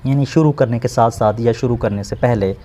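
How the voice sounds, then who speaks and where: A male English teacher with a Pakistani accent walks students through a lesson in Urdu. He speaks slowly and hesitantly, often stopping to search for a word. His voice is mellow and warm. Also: mid-range voice. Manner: slow, explanatory, with many hesitations.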